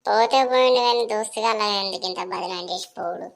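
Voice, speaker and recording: A woman acting in a comedy sketch, trading quick, lively lines. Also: mid-range voice, vocal fry.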